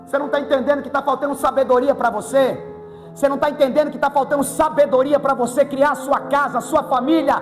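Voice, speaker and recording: A middle-aged Brazilian pastor preaching a fervent sermon that rises to shouts, in a church. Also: male voice, extremely high pitch, fairly even intonation, fast talker. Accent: Brazilian Portuguese. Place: church sanctuary. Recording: long church reverb with music.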